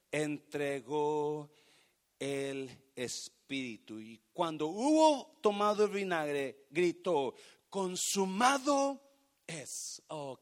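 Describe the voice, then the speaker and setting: Man, preacher, fairly high voice, dramatic sermon, hushed then loud. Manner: swings from hushed to loud and emphatic, stretching key words. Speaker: pastor.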